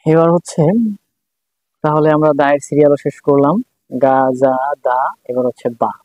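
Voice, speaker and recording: A man's voice: on the high side, steady tone, a little fast, darkish tone, dry recording, highs cut off. A man teaching a writing lesson, patiently repeating syllables one by one as he writes. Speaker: language teacher.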